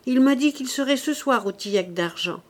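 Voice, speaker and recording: Excitable young seamstress, a lady reader puts her on, high and loud, storybook. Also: moderate pace. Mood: indignant. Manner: high, loud, exclaiming outbursts.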